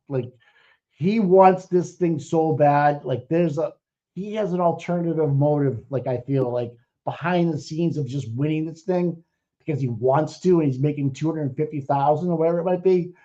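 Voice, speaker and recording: Excitable man, muffled stream audio. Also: a little high. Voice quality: profane, excitable, rambling with restarts. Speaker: co-host. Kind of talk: casual chat.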